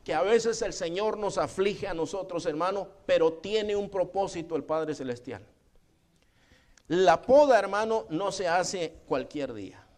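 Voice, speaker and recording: High-voiced male preacher. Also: expressive, a little slow, a little mellow. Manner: preaching, addressing listeners as brothers often, drops to a mutter on asides. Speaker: pastor. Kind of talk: sermon.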